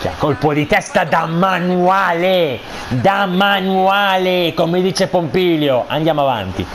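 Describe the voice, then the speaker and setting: A man giving excited football video game commentary, explosive and foul-mouthed, cursing between shouted player names. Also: high voice, slow, noisy background.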